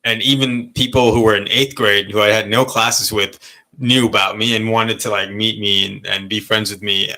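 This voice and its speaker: A man's voice: on the low side, level tone, moderate pace, bright, forceful tone. A man in his thirties from Malaysia, telling stories in a candid, rambling way as a podcast co-host in casual chat. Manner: candid, rambling storytelling with frequent swearing and laughs.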